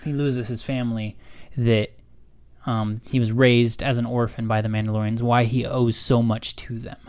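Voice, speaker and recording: A man co-hosting a casual fan discussion podcast, chatty and hesitant, filling pauses often. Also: medium pitch, little pitch movement, darkish tone, clear, resonant tone. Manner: chatty, hesitant with many fillers. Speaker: podcast co-host.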